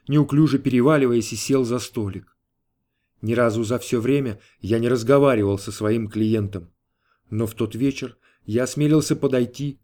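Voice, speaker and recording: Man, audiobook narration, measured, even delivery, middle pitch. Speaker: audiobook reader. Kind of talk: scripted narration.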